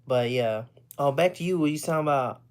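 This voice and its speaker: A man from Texas chatting casually with viewers. He is short of breath, rambles loosely, often clears his throat, and pauses to catch his breath. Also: a little high. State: short of breath, stops for air. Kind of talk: casual chat.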